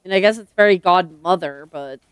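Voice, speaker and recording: This is a gaming host with a fairly high-set, clear and resonant voice. The delivery is casual gameplay commentary, informal and blunt, with unfiltered reactions. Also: brisk, no room sound.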